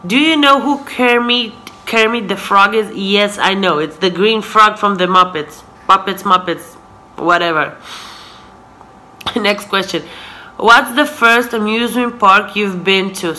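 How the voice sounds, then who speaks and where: She talks a little slowly at a medium pitch, her voice pushed and bright. A twenty-something vlogger from Israel who grew up speaking Hebrew, she's chatting casually in a Q&A on her living room sofa, laughing often and saying "so yeah," with a camera close in front of her.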